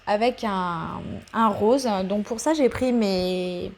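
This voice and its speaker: A woman talking through a paper craft tutorial in a voice-over, hesitant, with many pauses and fillers, explaining each step patiently. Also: mid-range voice, a little mellow, a little hiss or hum.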